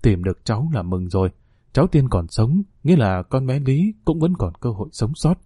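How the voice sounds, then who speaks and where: A gentle, grieving father who consoles others in a soft, quiet voice, as a male storyteller voices him. The tone is low-key and mellow, and the recording is close and dry. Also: very animated, moderate pace, breathy edge, dry recording. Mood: consoling.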